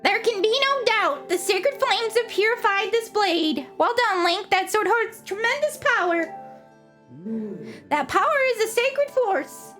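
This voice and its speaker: A woman voicing a wise old grandmother sage, reading game dialogue aloud in a slow, solemn, formal way. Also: extremely high pitch, animated, a bit bright, soft background music, pitched above the performer's own voice, exaggerated voice.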